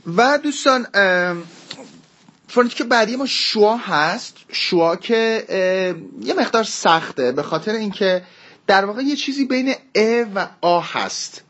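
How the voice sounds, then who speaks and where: A man teaching English pronunciation in a recorded lesson, explaining patiently and slowly repeating the sample words. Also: sits high, animated, a bit bright.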